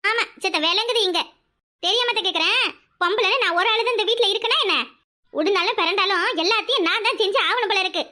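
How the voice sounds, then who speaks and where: A woman voicing a put-upon village daughter-in-law in a cartoon, complaining and sharp-tongued, with a Kanyakumari Tamil accent. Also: very high-pitched, fast. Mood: grumbling. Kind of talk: cartoon voice acting.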